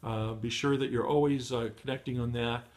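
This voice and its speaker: A man's voice: mid-range voice, fairly even intonation, moderate pace. Encouraging man, filler-heavy talk, losing voice. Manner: encouraging, many fillers and restarts. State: losing his voice. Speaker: online marketing trainer. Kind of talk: motivational training talk.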